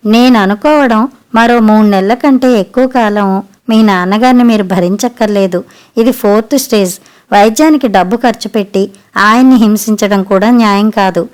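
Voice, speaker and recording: A woman voicing a calm, kind male doctor in a storybook reading, speaking in a measured, gentle way. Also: mid-range voice, close to an everyday voice. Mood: grave.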